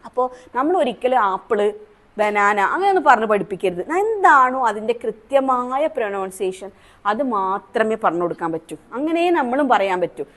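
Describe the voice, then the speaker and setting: Teaching trainee teachers, a Montessori trainer from Kerala with a Malayali accent asks the class questions and models sounds for them. She speaks at a moderate pace in a high-leaning, sing-song voice with a fairly bright tone.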